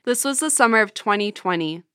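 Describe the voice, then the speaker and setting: Bright, crisp-voiced woman reporter narrating. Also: medium pitch, animated, a little fast, dry recording, clean studio sound. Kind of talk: scripted narration.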